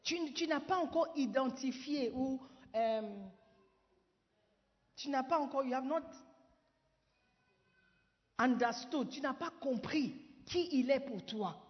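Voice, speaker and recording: A woman from Ghana preaching a sermon, putting questions to the congregation, moving between French and English and rising at times to shouting. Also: sits high, slow pace, long pauses. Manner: rises to shouting declarations. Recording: dull echoey hall sound.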